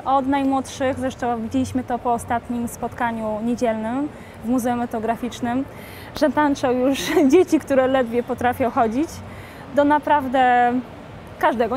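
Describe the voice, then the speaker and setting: A young woman with a fairly high voice talks through a dance event schedule in a TV studio interview. She is lively and upbeat, on a lapel mic. Faint background noise runs under her. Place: studio set in a shopping mall.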